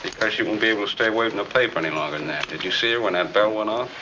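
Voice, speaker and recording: An actor playing a cynical American newspaper reporter trading offhand screwball comedy banter on a muffled, noisy old film soundtrack. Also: male voice, lowish voice, close to an everyday voice. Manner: brisk, offhand wisecracking.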